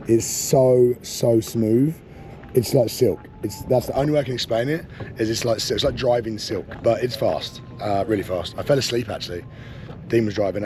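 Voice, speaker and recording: A man's voice: fairly low pitch, mellow. Joking man vlogging outdoors at an airfield. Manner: laughing, joking banter. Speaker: car vlogger. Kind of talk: casual vlog chat. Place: outdoors at an airfield near cars. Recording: outdoor vlog with clear background noise.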